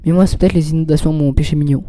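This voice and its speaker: A man's voice: a little high, fairly even intonation, rapid-fire, mellow, no room sound. A young man giving casual, rambling commentary while playing a video game, reading game text aloud. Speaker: gaming youtuber.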